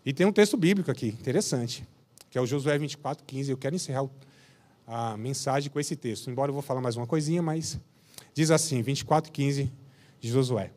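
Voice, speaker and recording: A man's voice: medium pitch, brisk, a little mellow. A man, preaching a sermon as pastor, with impassioned declarations and folksy, humorous storytelling.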